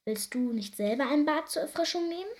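A kindly storybook tortoise speaks in a soft, courteous way, voiced by a woman reading the tale. Her voice sits somewhat high and lifts on each polite refusal. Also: lively intonation, brisk, a little hiss or hum. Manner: soft and polite, gently declining. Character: gentle, polite female tortoise celebrating her birthday.

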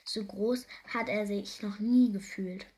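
A woman reading a children's story aloud, gentle and expressive, sometimes dropping to a soft whisper. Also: medium pitch, slow.

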